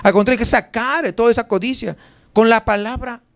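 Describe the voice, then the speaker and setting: A pastor with a Mexican Spanish accent delivers a sermon in a notably high voice. He talks conversationally, firing off rhetorical questions and rising sharply for emphasis. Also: a little fast, fairly bright tone.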